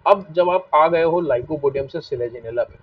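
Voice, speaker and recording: Male teacher with a Hindi accent, fairly high voice, quizzes and repeats, muffled distant mic, dry sound. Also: slow, no room sound. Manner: repetitive, asks students questions and scolds them to stop fighting. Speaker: biology teacher. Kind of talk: live online class lecture. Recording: dull lo-fi mic, a bit distant.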